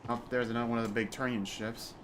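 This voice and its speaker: A man's voice: mid-range voice, level tone, fast. A man giving casual video game playthrough commentary in short, muttered reactions and mild exclamations. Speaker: game streamer. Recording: clear game noise in background. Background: video game sound.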